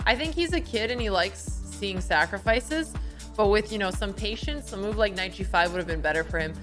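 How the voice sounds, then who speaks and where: Woman streamer at home, average pitch, chatty game review with soft music under it. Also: lively intonation, fairly quick. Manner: thinking aloud, questioning her own moves. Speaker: chess streamer. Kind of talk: casual live-stream chess commentary. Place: home room with windows.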